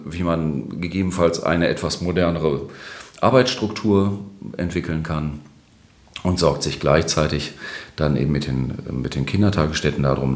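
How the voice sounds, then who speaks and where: Middle-aged male interview guest: extremely low bass, measured explanatory delivery, roomy echoing recording. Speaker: interview guest, church administration manager. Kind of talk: unscripted interview answers.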